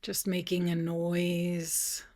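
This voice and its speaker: A woman meditation teacher leading a guided practice, speaking gently and softly with unhurried pauses, at times breathy. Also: lowish voice, monotone.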